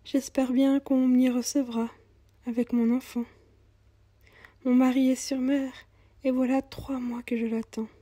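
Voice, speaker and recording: A woman's voice: sits high, little pitch movement, unhurried, pauses often, mellow, no room sound, pitched above the performer's own voice. A woman doing a pale, anxious young mother.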